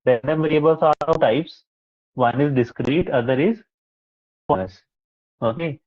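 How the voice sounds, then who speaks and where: A man with a fairly high voice teaches a live online class at a normal speed, explaining patiently with frequent fillers. He's on a laptop or headset mic in a video call, so the audio is muffled and lo-fi.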